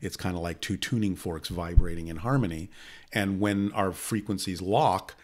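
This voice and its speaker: A man in his sixties telling a long personal story in a measured, steady way, as a guest in a studio conversation close to a boom mic. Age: 60s. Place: indoor studio set. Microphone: boom-mounted studio mic close by.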